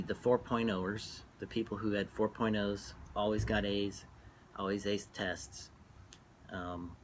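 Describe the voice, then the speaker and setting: A middle-aged man talking casually and reflectively while smoking, halting and trailing off between phrases as he reminisces. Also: on the low side, a bit bright, a little hiss or hum. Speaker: vlogger. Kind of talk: casual rambling monologue, reminiscing.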